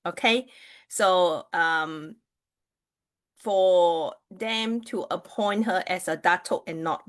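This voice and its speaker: With a fairly low yet somewhat bright voice, a woman from Malaysia, Mandarin being her first language, runs a relaxed livestream where she reads Chinese astrology and chats with viewers, full of fillers and restarts.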